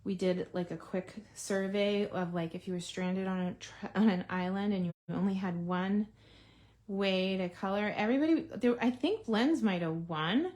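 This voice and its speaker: Woman, live craft-demo host, mid-pitched, chatty and thinking aloud with viewers. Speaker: card-making demonstrator.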